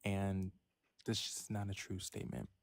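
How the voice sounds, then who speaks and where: Very low, flat, quiet-spoken debater. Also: normal speed. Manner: quiet, near-whispered talk. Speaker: debate participant. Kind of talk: online voice-chat debate.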